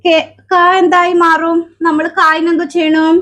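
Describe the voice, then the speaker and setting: Keralan woman teaching kids letters, high voice, keeps asking and answering her own questions. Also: flat delivery, a bit bright. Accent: Keralan Malayalam. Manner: asks many questions and answers them herself; slow, drawn-out sounding of letters. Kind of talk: children's alphabet lesson.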